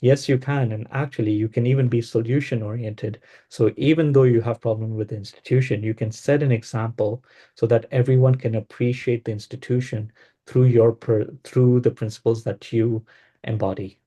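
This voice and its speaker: A man's voice: mid-range voice, steady tone, moderate pace, warm tone. A man presenting in a casual spiritual discussion, talking hesitantly with many fillers and restarts.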